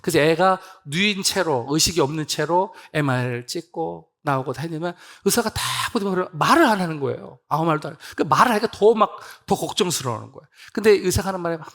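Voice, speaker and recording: A man's voice: on the high side, lively intonation, quick pace, hardly any pauses, fairly bright tone. A middle-aged man, a missionary, preaching a revival sermon and telling an emotional personal story, acting out the dialogue. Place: church sanctuary.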